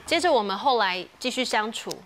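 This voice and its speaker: A woman's voice: fairly high pitch, expressive, brisk, a bit bright. A woman from Taiwan, a guest telling a personal story vividly on a TV variety show. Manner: vivid storytelling, acting out quoted voices. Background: background music.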